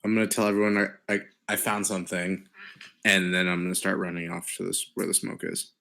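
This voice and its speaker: A man's voice: low-pitched, level tone, fairly quick, gravelly, bright, forceful tone. A man chatting casually as a player at a tabletop game.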